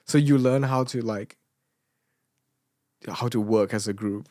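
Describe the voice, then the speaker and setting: A young man from Singapore with a Singaporean accent, talking as a guest in loose, comic conversation. His pitch sits in the middle and the sound is dry and close. He is self-deprecating and informal, dropping "like" into his sentences. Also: measured pace, warm tone, no echo. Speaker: podcast guest. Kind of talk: casual comic chat.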